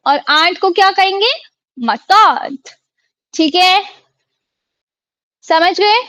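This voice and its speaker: A woman's voice: extremely high pitch, takes it slowly, bright, forceful tone, no echo, muffled recording. An Indian woman teaching a French class over a video call, quizzing her students and repeating each word. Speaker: online French tutor. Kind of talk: live online class teaching.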